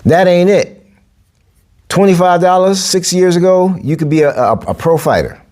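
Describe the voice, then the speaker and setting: A man in his 40s, a boxing and capoeira coach, hosts a casual solo podcast monologue. He speaks emphatically at a moderate pace with a darkish tone, repeating phrases and leaping up in pitch to drive his points home.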